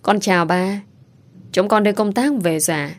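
A woman voicing a warm, affectionate young mother who speaks gently. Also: medium pitch, normal speed, natural voice. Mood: loving. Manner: gentle and loving.

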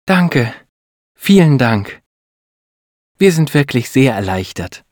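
A man voicing a bewildered wife who speaks softly and in astonishment. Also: medium pitch, steady tone, a little slow, no room sound, studio quality, pitched above the performer's own voice, natural voice. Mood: anxious. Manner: soft, astonished. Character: bewildered young wife, adult woman.

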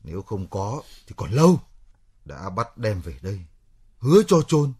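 Brief: bitter, quick-tempered young man, radio drama, husky, very animated. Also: on the low side, heavily acted. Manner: hot-tempered, bitter, complaining. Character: hot-headed poor young man lodging with others.

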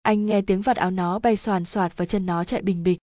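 A woman's voice: medium pitch, fairly even intonation, moderate pace, a little mellow, no room sound, studio quality. A woman reading a literary story aloud as narrator, dramatic and emotive.

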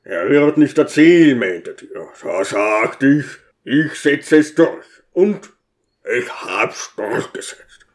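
A man's voice: mid-range voice, lively intonation, takes it slowly. A man reading aloud and voicing a hearty, self-satisfied deacon who orders a party about. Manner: hearty, bossy, self-pleased. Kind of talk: audiobook character voice.

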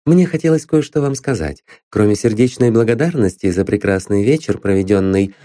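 A man reading an audiobook, voicing a calm, cool-headed young woman detective who speaks softly and politely. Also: on the low side, brisk, dry recording, studio quality, natural voice. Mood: gentle. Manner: soft, calm and composed.

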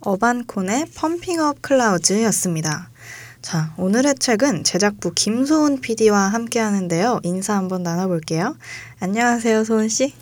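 A woman's voice: medium pitch, animated, normal speed, darkish tone, no room sound. A young woman hosting a radio book show in a polite, neatly enunciated announcer style, addressing listeners. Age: young adult. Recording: music under the voice. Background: background music.

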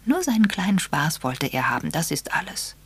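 Elderly spinster detective, gentle lecturing tone, husky edge, voiced by a woman reader. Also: fairly low pitch, sing-song, moderate pace, pitched above the performer's own voice. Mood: gently knowing. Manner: mild, patient, gently lecturing.

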